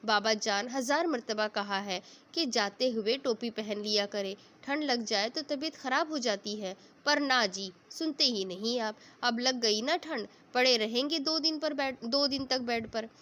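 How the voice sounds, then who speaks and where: A woman reading the part of a lively, talkative young girl who teases and fusses over her family, in a storybook reading. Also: a little high, a little slow, hardly any pauses. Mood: playful. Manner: playful, bossy chatter.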